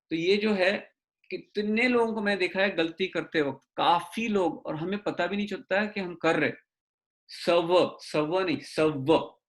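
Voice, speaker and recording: A man teaching an online class, mixing English into Hindi and slowly drawing out syllables to correct pronunciation. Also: on the high side, a bit bright. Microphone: video call.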